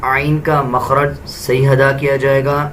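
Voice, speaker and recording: Male teacher, mid-pitched voice, slow, patient walkthrough of pronunciation rules, faint room noise. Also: little pitch movement, a bit bright, low-quality recording. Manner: patient, deliberate, repeats rules. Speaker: tajweed teacher. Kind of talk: slow step-by-step explanation.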